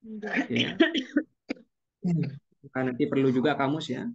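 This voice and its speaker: A man's voice: medium pitch, lively intonation, measured pace, creaky, husky, muffled recording. A man teaching an online Arabic class, patiently drawing out each Arabic phrase.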